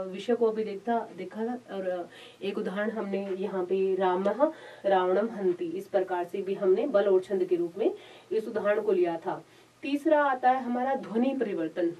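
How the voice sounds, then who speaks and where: A woman college lecturer giving a recorded lesson, explaining step by step, repeating her points and pausing on filler sounds. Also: medium pitch, warm tone. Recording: dull lo-fi sound, distant mic.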